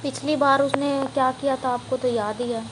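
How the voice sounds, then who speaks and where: A woman's voice: sits high, fairly even intonation, moderate pace, noisy background. A woman with an Indian accent hosting a horror game playthrough, chatting and teasing the ghost, with bits of English. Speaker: gaming video host. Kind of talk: playing a horror game on camera.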